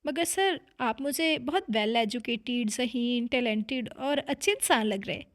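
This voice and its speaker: A woman's voice: fairly high pitch, measured pace, natural voice. A woman narrator voicing a flustered, talkative young woman secretary in a romance story read aloud.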